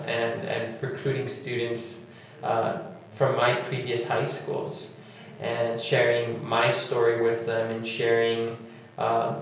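Young guy from central america, slow and flat, lots of uhs, very echoey room w faint hum. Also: mid-range voice. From Nicaragua and Honduras. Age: young adult. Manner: earnest, many uh fillers. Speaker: university staff member and alumnus. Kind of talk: oral history interview.

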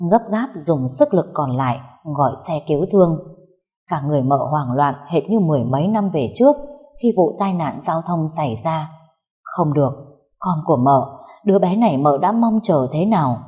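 A woman reads a story aloud in a steady, emotive way. Her voice is low and mellow with a warm darkness. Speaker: narrator. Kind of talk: storybook narration.

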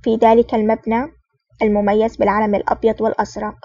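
Fast-reading woman narrator, husky. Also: fairly high pitch, dry recording. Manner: fast, steady reading with small restarts. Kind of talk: audiobook reading of a spy novel. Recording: dull, distant, dry recording.

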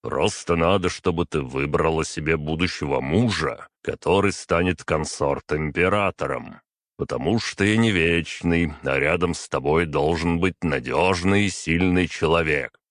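A man's voice: extremely low pitch, a bit bright, no room sound, studio quality. A man voicing a stern, unbending aging emperor who speaks curtly and commandingly to his daughter. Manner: curt, measured, commanding.

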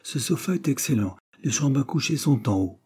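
A man's voice: mid-range voice, animated, moderate pace, darkish tone, husky, pitched above the performer's own voice. A man reading aloud voices a timid, polite young mother renting out rooms in a storybook. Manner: anxious, polite, eager to please.

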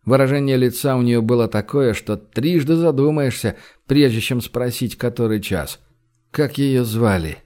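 A man reading an audiobook novel with measured, even narration. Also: mid-range voice. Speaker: audiobook reader. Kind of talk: scripted narration.

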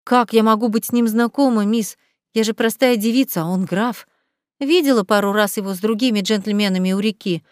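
A woman voicing an excitable, chatty young female maid in a storybook reading, breathless and exclaiming. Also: mid-range voice, fairly quick, dry recording, clean studio sound, lightly acted. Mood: eager.

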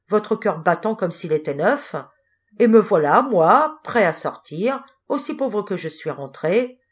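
A woman's voice: mid-range voice, natural voice. A woman voicing a poor, proud young poet and thief who answers back with heated indignation.

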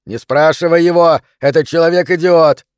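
A man doing a shouting, cranky hypochondriac. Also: a little high, lively intonation, dry recording, clean studio sound, natural voice. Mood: ranting. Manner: shouting, indignant, drawn-out emphasis. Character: cranky hypochondriac middle-aged man in bed.

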